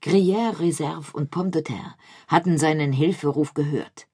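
Female narrator, low husky voice, dry close sound, storybook reading. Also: dry recording. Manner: measured, expressive.

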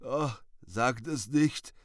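A man's voice: medium pitch, very slow, no echo, clean studio sound, voice pushed up. A man reading aloud and voicing a small, wrinkled old chestnut seller with a stubborn cold, grumbling and hesitant. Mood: complaining. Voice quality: sniffly, sneezing.

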